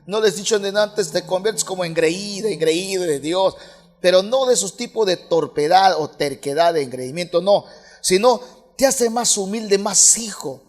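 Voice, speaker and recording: A Peruvian man preaching as a pastor, moving between soft, low passages and loud, shouted peaks. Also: animated, moderate pace. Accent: Peruvian Spanish. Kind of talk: sermon. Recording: hall reverb.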